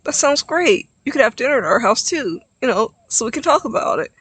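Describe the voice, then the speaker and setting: A man voicing a cheerful, caring teenage boy who talks eagerly and warmly in a storybook reading. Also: animated, moderate pace, no room sound. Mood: upbeat. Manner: eager and warm, pitched up and louder. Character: cheerful caring teen boy, the best friend.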